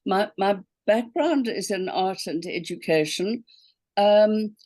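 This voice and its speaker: A woman's voice: mid-range voice, takes it slowly, a little mellow. A woman in her seventies with a South African accent, talking as a guest on a video call. She tells stories in a chatty way and often stops to check in with an "okay?" The sound is dry and close, with no room echo. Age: 70s. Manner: chatty storyteller, frequent ums and okays. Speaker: quilting teacher, guest. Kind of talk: casual interview chat.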